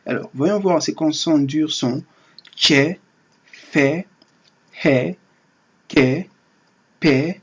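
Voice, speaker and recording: Husky-voiced man teaching a language lesson. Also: on the high side, darkish tone, dull audio. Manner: halting, often restarts words and opens with "alors". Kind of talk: explanatory online lesson.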